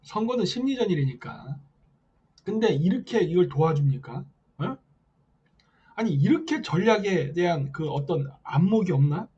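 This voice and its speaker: A man on a late-night political stream talks in a high, husky voice that swings widely up and down. He keeps pressing his viewers with rhetorical questions and a nagging "eh?" after each point. The audio is dull and lo-fi. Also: very animated, moderate pace, dark tone. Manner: hectoring rhetorical questions with repeated "eh?" tags; reads viewer comments aloud. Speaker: live-stream host.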